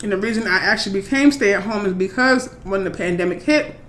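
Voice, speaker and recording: Her medium-pitched voice moves briskly as this thirtysomething mukbang vlogger from Maryland, USA, chats through viewer questions at home. She rambles in a relaxed way, leaning on lots of fillers, in an echoey room with faint background noise.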